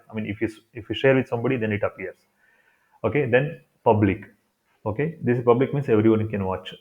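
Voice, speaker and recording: A thin, phone-like recording carries a man's fairly low voice. He speaks English with a Kannada accent from India. He walks through software steps informally, improvising and repeating himself as he explains. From Karnataka, India. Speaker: tutorial presenter. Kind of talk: unscripted step-by-step screen tutorial. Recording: thin, phone-like narrow-band sound.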